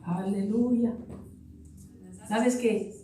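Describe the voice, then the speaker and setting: A woman's voice: steady tone, extremely slow, faint music behind. A woman pastor preaching a sermon to her congregation in an impassioned way, with many rhetorical questions. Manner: impassioned preaching that climbs higher and louder, with repeated rhetorical questions. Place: church sanctuary. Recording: very echoey church hall, voice from far off.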